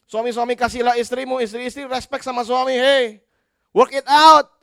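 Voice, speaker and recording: A man's voice: very high voice, normal speed, no echo, studio quality, voice pushed up. A man voicing God, blunt and commanding. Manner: blunt, commanding, mixes English. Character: God as a blunt, matter-of-fact voice.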